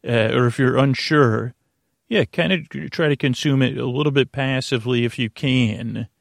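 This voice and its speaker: A man of medium pitch hosts a bedtime podcast, recorded on a close, dry mic with studio quality and no room sound. His gravelly, creaky voice halts and stammers through word repetitions as his meandering talk wanders off topic and loses its thread.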